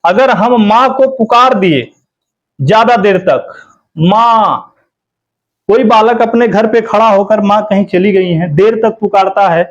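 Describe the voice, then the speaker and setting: A man with a high voice teaches an exam-prep grammar lesson. He asks his class questions and then answers them himself, repeating key words to drill them in. The recording is dull and lo-fi. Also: normal speed, few pauses.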